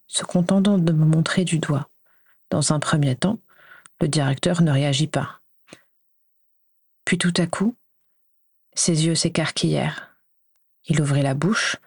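A woman reading a first-person story aloud in a steady, even narration. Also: low-pitched, slightly rough, no room sound, studio quality. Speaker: audiobook reader.

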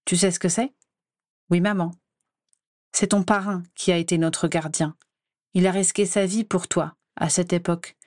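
A woman voicing an anxious, protective mother of a teenage wizard in a fan-fiction audiobook, softly worried and coaxing. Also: on the low side, steady tone, normal speed, pauses often, no room sound, studio quality, lightly acted. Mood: fearful recollection. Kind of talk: audiobook character voice.

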